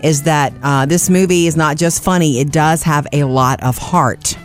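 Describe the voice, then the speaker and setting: A woman's voice: sits low, normal speed, soft background music. A woman co-hosting a radio show, chatting about entertainment in an emphatic, gushing way.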